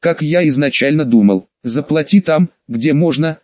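A man narrating an audiobook in the first person in an even storytelling read. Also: fairly high pitch, normal speed, no echo. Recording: dull dry audiobook recording.

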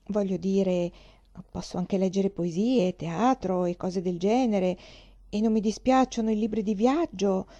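A woman's voice: medium pitch, dark tone, muffled recording. A woman reading the part of a naive young woman who talks with earnest enthusiasm.

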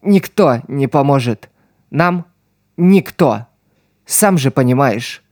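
A man reading an audiobook voices a wounded, tough street girl who speaks weakly and slowly. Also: medium pitch, lively intonation, darkish tone, no room sound, studio quality. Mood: weak, resigned. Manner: weak, slow, strained speech.

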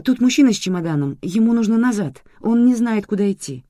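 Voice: medium pitch, expressive, a little fast, warm tone, dry recording, studio quality, voice pushed up, lightly acted. A reader voicing a polite, helpful young woman working at an airport.

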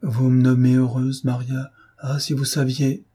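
A composed elder sister who reasons gently and consoles, her voice soft-edged and husky, voiced by a male audiobook reader. The words come out measured and patient. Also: medium pitch, little pitch movement. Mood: consoling.

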